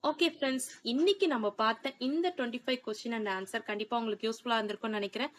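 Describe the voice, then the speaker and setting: A woman with a Tamil accent teaching English. She reads each question slowly and then explains it in Tamil. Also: a little high, a little hiss or hum. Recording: music playing behind the voice.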